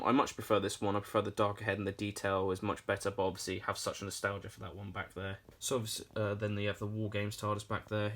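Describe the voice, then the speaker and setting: A British man in his twenties giving an off-the-cuff room tour in casual, enthusiastic, informal vlog chat. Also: on the low side. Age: 20s. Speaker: collector hosting a room tour.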